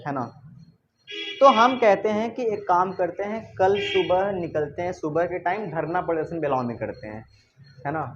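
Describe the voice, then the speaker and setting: A woman's voice: fairly low pitch, moderate pace, muffled recording, noisy background. Woman teacher checking in with "isn't it?". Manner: keeps checking with the students by asking "isn't it?"; playful, talks to the pupils with rhetorical questions. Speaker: English teacher. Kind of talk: classroom lesson.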